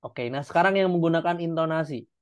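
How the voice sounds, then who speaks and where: A man's voice: a little high, quick pace, smooth. A man, coaching an online public speaking class and giving encouraging feedback step by step. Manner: encouraging, explains step by step, with demonstrations. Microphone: video call. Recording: dull video call audio.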